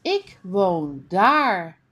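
Woman teacher, beginner reading lesson, very slow read-aloud, each word clearly sounded out, sing-song pitch. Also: big pitch swings, a bit bright. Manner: clearly sounded-out words with pauses between them.

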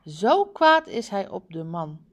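A woman reading a simple storybook aloud and practising single words one by one, in a deliberate way. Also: medium pitch, very animated. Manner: very slow, deliberate, word by word. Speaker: reader. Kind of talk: slow reading aloud with word drills.

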